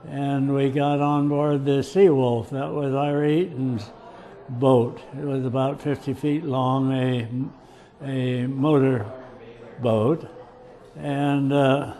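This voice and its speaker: An older man slowly telling a childhood memory, halting and clearing his throat often. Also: mid-range voice, little pitch movement, warm tone. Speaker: storyteller. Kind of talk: casual storytelling.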